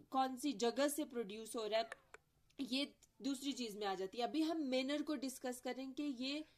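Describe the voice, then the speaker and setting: Woman, lecture, step-by-step explanations, sounds demonstrated aloud, slightly high voice. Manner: explains step by step, often checks with "clear?"; mixes in English terms, demonstrates sounds aloud. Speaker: teacher. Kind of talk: phonetics lecture.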